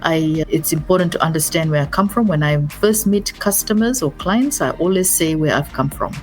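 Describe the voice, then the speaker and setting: A middle-aged woman from Fiji, a business advisor appearing as an interview guest, speaks earnestly at a moderate pace in a low-pitched voice. She often repeats and restarts her words, and soft music plays faintly beneath the conversation.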